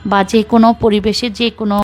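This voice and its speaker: A woman's voice: on the high side, flat delivery, fast talker. A woman chatting casually as she narrates her cooking, rambling and leaning on repeated filler words. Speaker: cooking vlogger.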